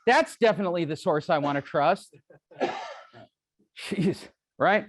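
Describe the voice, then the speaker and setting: Brash high-voiced man coaching a seminar. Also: lively intonation, unhurried, dry recording. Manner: brash, joking and profane. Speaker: real estate coach teaching a seminar. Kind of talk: live seminar teaching.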